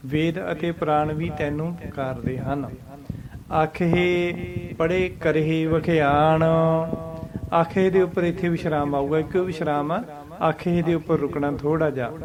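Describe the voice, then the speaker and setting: A man with a Punjabi accent, teaching how to pronounce and pause in scripture lines, reciting them slowly and then explaining their meaning. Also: on the high side. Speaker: Gurbani teacher. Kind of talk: scripture pronunciation lesson.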